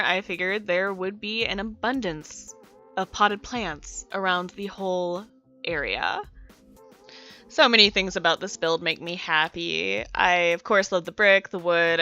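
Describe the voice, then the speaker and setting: A woman who makes video game build videos narrates chattily, speaking straight to her viewers in a fairly low, bright, forceful voice. She sounds congested as she gets over a cold, and the voice-over is dull and lo-fi with music behind it.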